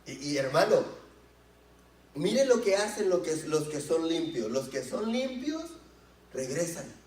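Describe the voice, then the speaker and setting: A man's voice: a little high, big pitch swings, a little slow, darkish tone. A male pastor preaching a sermon in a church, in a conversational way, often asking the congregation questions. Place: church sanctuary. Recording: roomy echo, mic at a distance.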